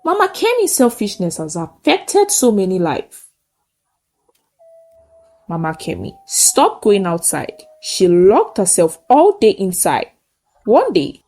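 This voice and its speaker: A woman storyteller delivers a dramatic folktale that finishes with a moral, using brief, plain sentences in a solemn, emphatic way. Her voice sits at medium pitch and sounds a little mellow.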